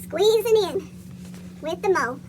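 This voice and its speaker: Someone voicing a chipmunk with a squeaky cartoon voice, reading a picture book aloud to children. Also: lively intonation, measured pace, background noise. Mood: chirpy storytelling. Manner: asks young listeners questions. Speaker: story reader for children.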